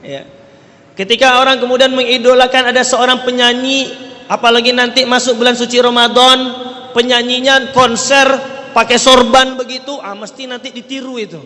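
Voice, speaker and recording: Long reverb from a large hall surrounds an Islamic preacher whose voice is very high, pushed, and bright. He delivers his sermon in Riau Malay-accented Indonesian, peppering the congregation with rhetorical questions and checking in with them frequently.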